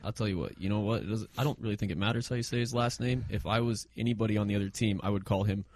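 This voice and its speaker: A man's voice: on the low side, steady tone, racing, background noise. A man co-hosting a casual sports podcast, easygoing and agreeable as he chimes in. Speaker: podcast co-host.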